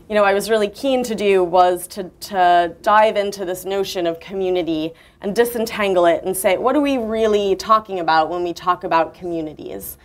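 Her voice sits on the low side as this female author muses at length during a book launch talk, restarting and using fillers. The audio comes from a far-off camera in a university lecture hall.

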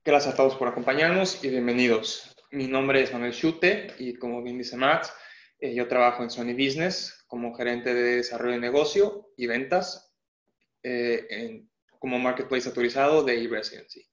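A young man with a Mexican Spanish accent talks through a webinar presentation, explaining each point earnestly and often pausing to restart his phrasing. His voice sits at an ordinary pitch for a man. The audio is dull and roomy, like a laptop mic on a video call. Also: steady tone. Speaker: guest presenter. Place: indoor room, on a video call.

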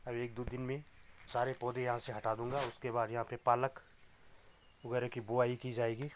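A man's voice: medium pitch, flat delivery, moderate pace, a little hiss or hum. Middle-aged man touring his greenhouse. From Uttarakhand, India. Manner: plain, explanatory, pointing things out to viewers. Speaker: organic farmer. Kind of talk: casual farm tour vlog. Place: inside a small polyhouse greenhouse. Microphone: phone camera held at arm's length.

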